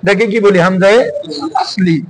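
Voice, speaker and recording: A man's voice: sits high, steady tone, moderate pace, crowd noise, rough recording. A male teacher, giving a classroom lesson and quizzing his students with repeated questions.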